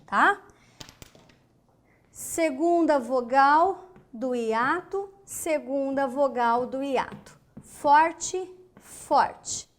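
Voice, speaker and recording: Spelling out words one syllable at a time, a woman from Brazil gives an online grammar lesson in a high-pitched voice. She is slow and emphatic, asking her own questions and then answering them.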